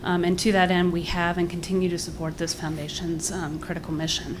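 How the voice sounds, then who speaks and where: A woman with a lowish, level voice speaks fairly quickly against a noisy background. As director of an advocacy group, she delivers public comment in earnest, polite, formal language, partly prepared and partly off the cuff, and sounds a little short of breath.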